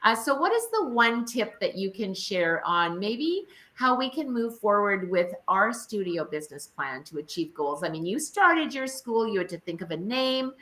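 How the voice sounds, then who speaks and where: A woman with a bright, forceful voice hosts the interview. She is an experienced music teacher who encourages her guest effusively. Her voice sounds echoey, as if recorded in a roomy space. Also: mid-range voice. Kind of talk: casual video interview. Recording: roomy echo.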